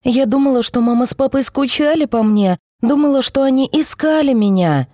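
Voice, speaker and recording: A woman's voice: fairly high pitch, moderate pace, darkish tone, dry recording, studio quality, voice pushed up, lightly acted. A woman reading the part of a young one-armed girl who pleads and speaks through tears. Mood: tearful.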